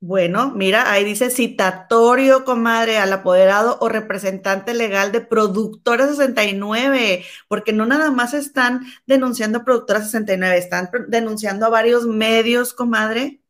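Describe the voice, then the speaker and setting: A woman's voice: on the high side, normal speed, hardly any pauses, a bit bright. A woman co-hosting a gossip show, chatting casually and reading a document aloud, calling her partner comadre.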